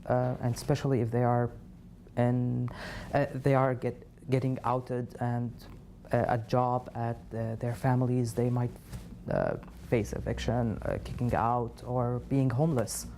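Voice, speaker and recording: A man from Syria, answering in a TV studio interview in a halting way, with many pauses and fillers. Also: medium pitch, steady tone, dark tone, slight background noise. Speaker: interview guest, refugee.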